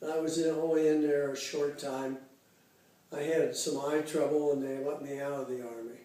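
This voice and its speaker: A man in his eighties from Cincinnati, Ohio, recalling his life in an interview, unhurried and halting with many fillers. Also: on the high side, little pitch movement, warm tone. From Cincinnati, Ohio, USA. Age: 80s. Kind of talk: casual oral history interview. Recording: very echoey room, voice far from the mic.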